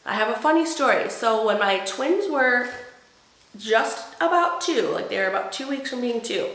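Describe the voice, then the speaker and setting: Gravelly-voiced mom with a cold, chatty. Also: female voice, fairly high pitch, lively intonation, normal speed, fairly bright tone, reverberant, rough recording. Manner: chatty, wry and self-mocking. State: has a cold. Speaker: mom vlogger. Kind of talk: casual chat to camera.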